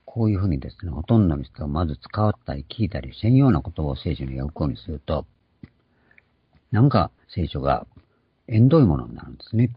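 A man's voice: extremely low pitch, sing-song, a little fast, husky. An older man preaching an earnest sermon, explaining and stressing key words. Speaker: pastor. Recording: dull lo-fi recording.

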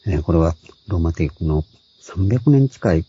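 An older man preaches slowly and explains scripture word by word, his low voice very dark and husky. It comes through a dull, lo-fi and dry recording. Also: animated, no room sound. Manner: measured, explains word by word, voicing scripture quotes higher. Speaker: Bible teacher. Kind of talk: explanatory Bible sermon.

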